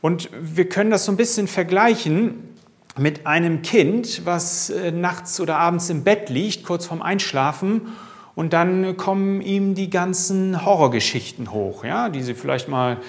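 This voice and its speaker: A man preaching a sermon with an emphatic delivery that swings from raised lines to hushed ones. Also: high-pitched, unhurried.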